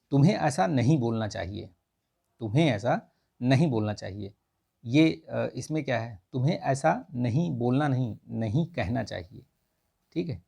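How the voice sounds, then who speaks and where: Gravelly-voiced man tutoring exam grammar. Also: medium pitch, darkish tone. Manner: repeats "theek hai" to check understanding. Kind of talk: explaining grammar practice questions.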